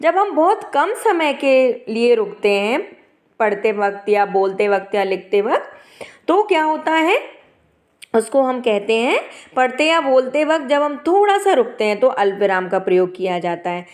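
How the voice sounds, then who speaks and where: A woman with a fairly high voice teaches a grammar lesson to young students. She talks with an emphatic classroom cadence, keeps adding tag questions, and answers her own questions aloud. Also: big pitch swings, a little slow. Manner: asks the class questions and answers them herself. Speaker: Hindi teacher.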